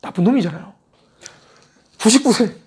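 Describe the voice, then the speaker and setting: A man's voice: sits high, lively intonation, normal speed, a little mellow, slightly rough. A male pastor preaching a sermon in a church in a conversational style. He mixes casual and polite speech and acts out quoted lines.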